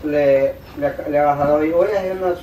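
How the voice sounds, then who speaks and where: A man who explains in a hesitant way, with many restarts and halting phrases. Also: a little high, fairly even intonation, dull audio, a little hiss or hum.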